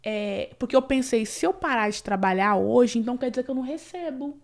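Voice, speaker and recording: This woman speaks at a fairly high pitch and a little fast, an interview guest who owns a cleaning business. In a casual conversation, she earnestly tells an emotional personal story, full of fillers and restarts.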